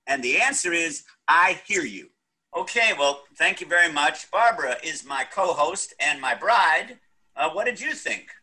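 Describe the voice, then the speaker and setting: A man's voice: fairly high pitch, lively intonation, measured pace, bright, forceful tone, breathy edge, low-quality recording. A man hosting a talk show, joking in a folksy way as he speaks. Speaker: host.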